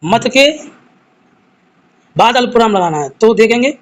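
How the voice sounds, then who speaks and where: A man with a very high voice leads a live exam-prep grammar class. He reads out each quiz question and its options, then walks through the answer. He calls his students children in a fond, teacherly way. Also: expressive, a little slow, rough recording. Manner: addresses students fondly as children.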